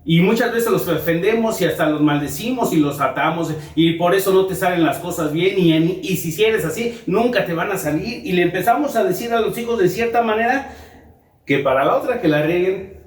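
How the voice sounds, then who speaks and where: A man's voice: sits high, fairly quick, reverberant, recorded from a distance. A man preaching a sermon to a congregation, asking them rhetorical questions. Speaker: pastor. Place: church.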